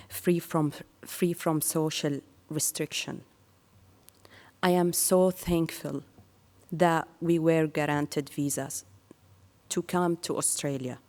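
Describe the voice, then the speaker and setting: A woman from Syria giving a prepared speech to an audience in measured, earnest phrases. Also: deep voice, darkish tone, big-room sound. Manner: slow and measured, with earnest pauses. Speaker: speaker sharing her career story.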